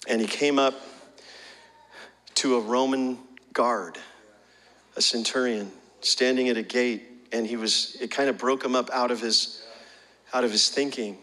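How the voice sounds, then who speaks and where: A man's voice: mid-range voice, fairly bright tone, big-room sound. A male pastor preaching a sermon, telling a story and then pressing the congregation with repeated questions.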